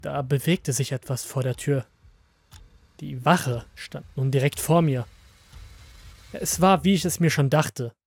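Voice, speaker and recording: A narrator reading a horror story in a hushed, scripted storytelling manner. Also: mid-range voice, unhurried, gravelly, long pauses, husky.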